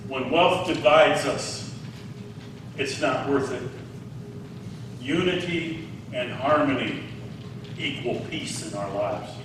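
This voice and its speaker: A pastor in his sixties preaches a sermon in a large echoey hall, speaking conversationally and putting questions to his listeners. His mid-range voice is slow, with long pauses, and the distant mic picks up background noise along with the hall's echo.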